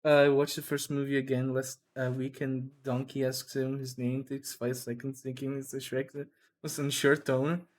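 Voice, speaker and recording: A man's voice: medium pitch, level tone, moderate pace. A man, chatting casually and laughing often while he draws on a live stream. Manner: laughing often, loose and joking. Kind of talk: casual chat while drawing.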